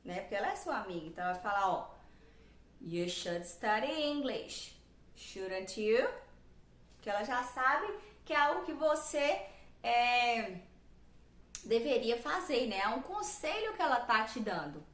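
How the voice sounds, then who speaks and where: A woman's voice: on the high side, sing-song, a bit bright. Patient Brazilian woman teaching English grammar. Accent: Brazilian Portuguese. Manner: patient, repeats examples slowly, checks in with "né?". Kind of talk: explaining grammar on a whiteboard lesson. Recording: echoey room, voice from a distance.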